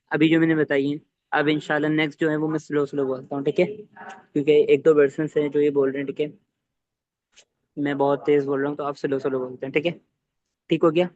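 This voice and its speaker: A man leading an online training session for his team, talking fast and quizzing listeners with either-or questions. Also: a little high, darkish tone, no echo, lo-fi sound.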